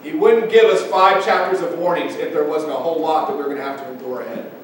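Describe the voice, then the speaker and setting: Male pastor, high-pitched, preaching with passion; recorded from afar in a very reverberant church room. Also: quick pace, far from the mic, slight background noise. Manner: impassioned preaching, swinging between loud emphatic pushes and quiet low asides. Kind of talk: sermon. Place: church sanctuary. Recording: echoey church room from off-mic, faint ambience.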